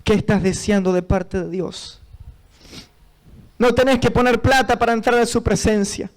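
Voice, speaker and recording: A man with an Argentine Spanish accent, preaching a sermon in church as pastor, telling stories with fervent passion and rising to shouts. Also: high voice, steady tone, normal speed, poor audio.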